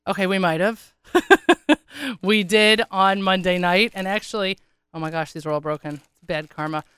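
A woman with an American accent hosts a casual radio show. Her voice is bright and close, though congested and hoarse, with a froggy, swallowed sound. She talks in a wry, self-deprecating way. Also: mid-range voice, fairly even intonation, normal speed, no echo. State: congested, under the weather. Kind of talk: casual chatty radio monologue.

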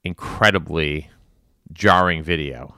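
Very deep, bright-voiced man speaking earnestly. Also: takes it slowly, smooth, no echo, clean studio sound. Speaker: spin class instructor. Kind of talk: earnest monologue on current events.

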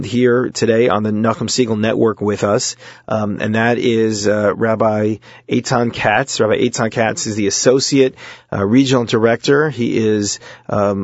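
An American man hosting a radio show in an informal, storytelling way, with halting speech that often repeats words. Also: on the low side. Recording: muffled lo-fi internet phone audio, roomy echo.

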